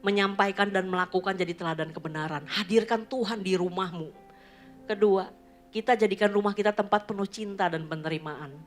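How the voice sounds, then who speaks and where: A woman's voice: medium pitch, fairly even intonation, brisk, soft background music. A woman, preaching a sermon in a church. She tells stories and addresses the congregation, mixing in English phrases. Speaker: pastor.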